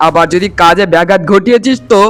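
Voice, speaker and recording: A man with a high, fairly bright voice speaks fast, voicing a greedy, arrogant rich husband and younger brother in a melodramatic Bengali cartoon. He sounds scornful and threatening, overwrought, and repeats words for emphasis.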